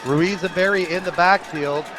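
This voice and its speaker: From an outdoor high school football stadium, an American man handles live radio play-by-play at normal speed in a high voice. A loud crowd roars behind the outdoor broadcast.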